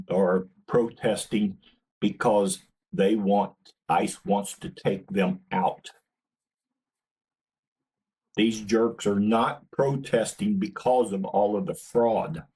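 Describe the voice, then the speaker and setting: A man's voice: lowish voice, dark tone, slightly rough, poor audio. A man hosting his own channel, delivering a blunt, indignant political opinion rant with swearing. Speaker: channel host.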